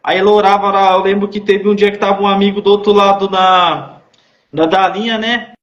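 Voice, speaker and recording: Male guest, high-pitched, monotone, sharing a heartfelt testimony in an echoey room. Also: a little fast, lo-fi sound. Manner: repetitive, earnest storytelling with church slang. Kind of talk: emotional personal testimony.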